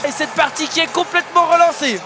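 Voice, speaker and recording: Male play-by-play hockey caller, very high excitable pitch, shouted goal calls, busy crowd and music behind. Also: fast. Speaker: ice hockey play-by-play commentator. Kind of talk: live sports commentary with excited goal calls. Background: arena crowd and music.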